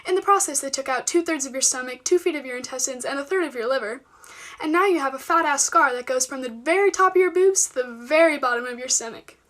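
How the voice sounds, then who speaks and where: A young woman telling a storytime in a rapid, blunt way with casual swearing. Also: sits high, a bit bright. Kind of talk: storytime video to camera.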